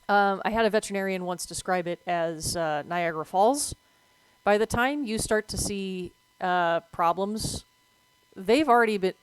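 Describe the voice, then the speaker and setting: Woman, lowish voice, dry close sound, blunt and profane, casual stream talk. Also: clean tone, no room sound, poor audio. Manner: blunt, swears freely; animated, breaks off to react to the game. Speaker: streamer with veterinary work experience. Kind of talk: casual explanation while playing a game.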